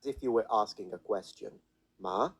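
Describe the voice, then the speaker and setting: Husky-voiced man explaining with lively pitch. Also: moderate pace, poor audio. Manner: demonstrates sounds, confident and dismissive of bad teaching. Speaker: language teacher. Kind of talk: explanatory lesson in a played video.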